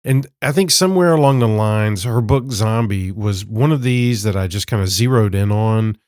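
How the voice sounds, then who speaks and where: A man hosting a book podcast in a casual, sarcastic monologue, sounding rough from being sick. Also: lowish voice, normal speed, a little mellow, dry recording, clean studio sound. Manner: sarcastic, self-deprecating, conversational. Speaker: podcast host.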